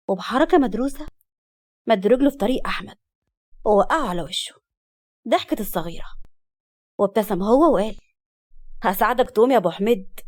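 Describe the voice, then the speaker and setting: Woman, Egyptian accent, story narrator, steady cadence, fairly high voice. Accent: Egyptian Arabic.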